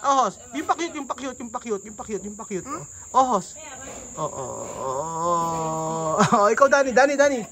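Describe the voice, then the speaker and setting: A man's voice: very high-pitched, expressive, a little fast, few pauses, background noise. A man from the Philippines vlogging casually, teasing and joking with local children and mixing in simple Spanish. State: out of breath. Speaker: travel vlogger.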